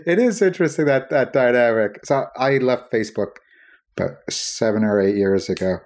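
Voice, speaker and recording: A woman's voice: very deep voice, moderate pace, a little mellow. A woman co-hosting a casual chat, reading answers aloud and adding dry amused remarks. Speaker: podcast co-host.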